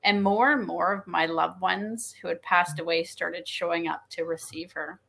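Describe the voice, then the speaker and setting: A woman guest telling a deeply personal story in earnest, with frequent fillers. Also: fairly even intonation, normal speed, gravelly, a bit bright.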